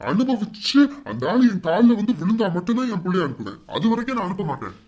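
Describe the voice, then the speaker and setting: A gruff, grudge-holding father, acted out by a performer, mid-pitched and talking quickly. He refuses flatly and argues back hard in a comic family skit. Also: dull audio, close to an everyday voice. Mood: stubborn. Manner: stubborn, gruff.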